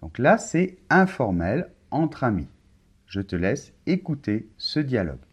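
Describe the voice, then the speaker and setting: A man teaching a pronunciation lesson for learners, slow and deliberate, repeating words for them. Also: medium pitch, very animated, husky. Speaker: French teacher.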